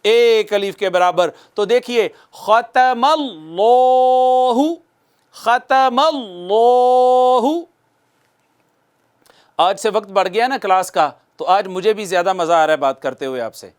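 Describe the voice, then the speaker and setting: A man teaching a televised tajweed lesson. He recites verse words slowly and at length, has viewers repeat after him, and asks questions that he then answers himself. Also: sits high, smooth. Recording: studio broadcast.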